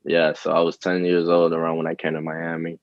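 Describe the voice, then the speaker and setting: A young man from the Dominican Republic, a rapper talking casually in an interview, relaxed and rambling with fillers. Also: deep voice, brisk, no room sound, muffled recording. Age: young adult. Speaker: rapper guest.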